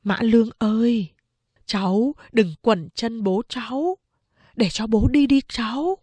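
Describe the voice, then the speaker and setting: An anxious old grandmother urges and pleads in a fretful, tearful voice, as a woman narrator puts her on. Her voice rises higher than the narration, with a slow pace and a dry, close sound. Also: a little mellow, breathy edge, dry recording. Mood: frantic. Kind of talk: audiobook character reading.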